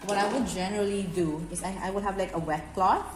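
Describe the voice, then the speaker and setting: With a quick pace and fairly even intonation in a mid-range voice, this Filipino-accented woman from Bacolod teaches cake decorating, guiding viewers through a hands-on craft in a chatty, instructive style. The indoor room echoes, and music plays in the background.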